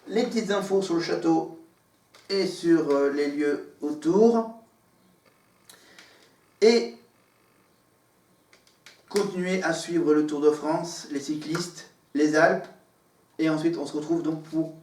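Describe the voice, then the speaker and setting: Guy rambling to his camera at home, kinda high voice, sounds far off in a roomy echo. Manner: meandering, full of filler words and restarts. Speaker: vlogger. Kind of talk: rambling casual monologue to camera. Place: living room at home, in front of a green screen. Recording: echoey room, far from the mic.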